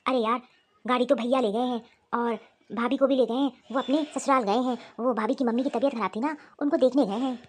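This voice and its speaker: Brief: woman putting on a young cartoon husband, pitched down, irritated and grumbling. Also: fairly even intonation, a little fast, lightly acted. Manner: complaining, sulky. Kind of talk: cartoon voice acting.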